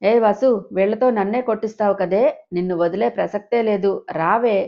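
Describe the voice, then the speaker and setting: A woman's voice: medium pitch, moderate pace, dull audio, close to an everyday voice. A woman voicing a brutish, abusive older husband who bullies and threatens. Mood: menacing. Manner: menacing, bullying.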